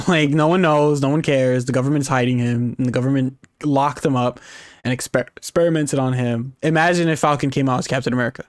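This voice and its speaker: A man co-hosting a gaming podcast, chatting excitedly, swearing freely and laughing often. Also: mid-range voice, fairly quick, no echo, clean studio sound. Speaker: podcast co-host. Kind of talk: casual chat.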